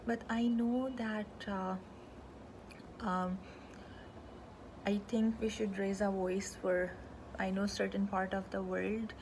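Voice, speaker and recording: Gravelly-voiced woman talking through a list. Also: medium pitch, background noise. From Pakistan, raised in Canada. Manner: conversational, walks through items one by one. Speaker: speaker on human rights. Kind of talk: informal explanatory talk.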